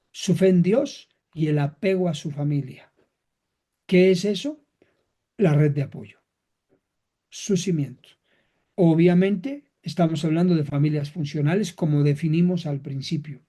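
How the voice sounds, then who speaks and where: A man gives a class lecture in a fairly high but mellow, warm voice. He speaks in short, listed phrases, often asks the class rhetorical questions, and clears his throat now and then. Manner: measured, list-like phrasing with frequent rhetorical questions. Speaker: teacher. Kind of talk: lecture to counseling students.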